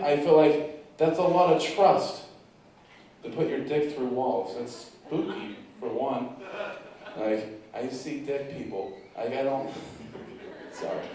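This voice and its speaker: A man doing a stand-up comedy set on a theater stage, telling a story with animated delivery that bursts into loud stretches. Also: on the high side, slight background noise. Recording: echoey room from far off.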